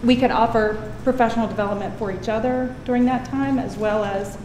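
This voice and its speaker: A middle-aged woman with a thin, squeaky voice, speaking informally and a little nervously as she gives earnest public comment at a meeting. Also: fairly even intonation, a little fast. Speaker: elementary school art teacher. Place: indoor public meeting room. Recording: echoey room with clear background noise.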